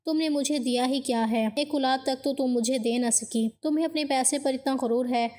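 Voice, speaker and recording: A woman's voice: high voice, close to an everyday voice. A woman voicing an angry, domineering husband in a storybook drama, speaking harshly. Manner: harsh, shouting.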